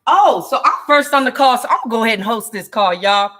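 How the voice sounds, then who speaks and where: An excitable woman chatting on a livestream with a high, bright voice. She talks casually and hypes up her viewers, calling out to them by name. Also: fast talker. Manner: excitable, hype-building, chatty. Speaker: livestream host selling wellness coffee.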